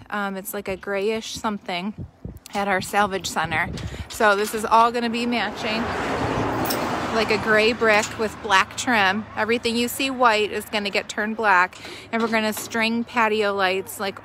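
A woman's voice: medium pitch, fairly even intonation, unhurried. A middle-aged woman chatting casually to her followers in an informal live vlog, talking them through things on a handheld phone outdoors. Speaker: small business owner vlogging. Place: outdoors in a driveway beside a road. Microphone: handheld phone at arm's length. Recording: noisy outdoor phone audio, passing traffic.

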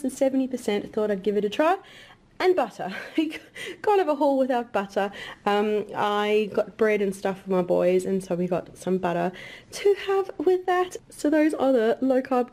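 Chatty, enthusiastic woman vlogger, high voice. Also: dark tone. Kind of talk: casual vlog narration. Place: hotel room.

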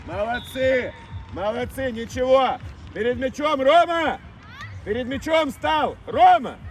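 A man coaching a youth football team, shouting instructions and encouragement to players during a match on an outdoor pitch. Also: a little slow. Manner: loud, urgent, encouraging shouts. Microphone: far camera. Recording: distant mic, crowd and noise behind.

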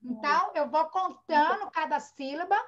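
Over a video call, a primary school teacher with a Brazilian accent teaches young children, sounding out each word syllable by syllable at a normal speed. She speaks in a high, bright voice, patient and tender. A computer or phone mic gives the audio a dull, muffled quality.

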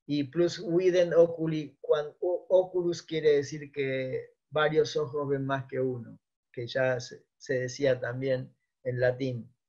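Un hombre mayor con acento argentino da una clase de derecho, lee citas en voz alta y se detiene a recordar. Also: male voice, mid-range voice, flat delivery, a little mellow. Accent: Argentine Spanish. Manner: reads out quotations, pauses to recall, thinks aloud. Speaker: lecturer on law. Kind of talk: academic lecture. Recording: dull lo-fi online talk.

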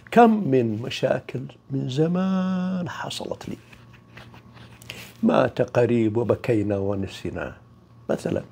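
A man giving an informal spiritual talk, swinging from loud emphasis to near-whispers. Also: medium pitch, vocal fry, slightly rough. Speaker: spiritual teacher.

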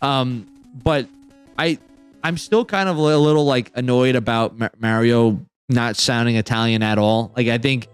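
A man hosting a casual roundtable chat, rambling and excitable, full of filler words. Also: mid-range voice, normal speed, clear, resonant tone, soft background music. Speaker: podcast host.

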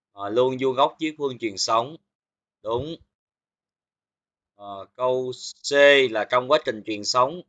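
A man with a bright, forceful voice walks through a physics exam review. He explains each answer step by step and keeps asking his students whether they follow. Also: medium pitch, lo-fi sound. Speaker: physics teacher.

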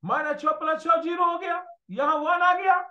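A man teaching maths in an animated, storytelling way, at times raising his voice. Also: extremely high pitch, moderate pace, lo-fi sound. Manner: animated, storytelling, bursts of shouting. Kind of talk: animated classroom lesson with anecdotes.

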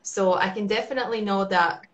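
A Latvian woman with a Latvian accent talks about being a forex trader in a casual video-call interview, chatty, laughing often and using many fillers. Her medium-pitched voice is brisk, fairly bright and fairly even in intonation. She's in a small indoor room at night, picked up by a webcam.

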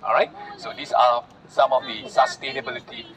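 Captured on a noisy outdoor phone recording with crowd noise, a man guides a night walking tour through a public garden. His medium-pitched voice keeps fairly even intonation at a moderate pace as he explains things, often checking in with short tags such as "yeah?" and "all right?"

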